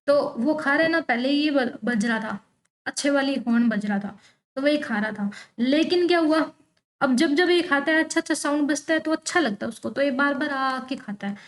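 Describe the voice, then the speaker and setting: A woman teaching an online exam-prep lecture, reading English lines out slowly and then explaining them, asking questions and answering them herself. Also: high voice. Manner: peppers explanations with checking tags like "theek hai".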